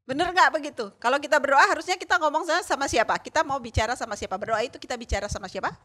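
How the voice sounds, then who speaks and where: A woman teaching a children's Sunday school lesson in a lively way, often asking the children questions. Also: sits high, racing.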